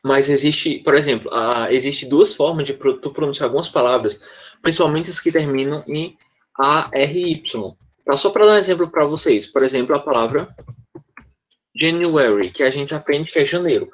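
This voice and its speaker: A man's voice: fairly high pitch, normal speed. A man with a Brazilian Portuguese accent, an English teacher giving an online class, explaining step by step and checking in often with the students.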